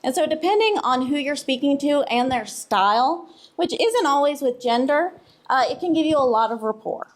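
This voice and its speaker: A woman co-presenting at a conference, explaining points in a relaxed conversational way. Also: sits high, moderate pace. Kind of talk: casual conference talk. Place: conference room.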